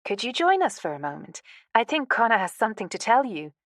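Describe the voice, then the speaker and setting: A woman's voice: fairly high pitch, very animated, brisk, a bit bright, dry recording, clean studio sound, pitched above the performer's own voice. A woman voicing a confident, glamorous woman who speaks in a charming, breezy way.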